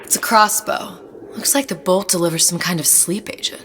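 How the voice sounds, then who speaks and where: A woman's voice: lowish voice, normal speed, very noisy, lightly acted. A woman playing a bookish, determined young woman in dramatic game dialogue. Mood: resolute.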